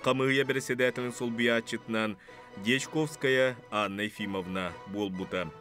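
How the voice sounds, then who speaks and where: A man giving formal, scripted narration in a 1970s archival newsreel, reading out names and titles in an even manner. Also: mid-range voice, moderate pace, faint music behind. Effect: 1970s archival newsreel voice-over.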